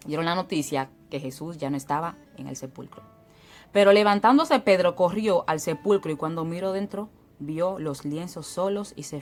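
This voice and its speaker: Woman teaching Bible, low voice.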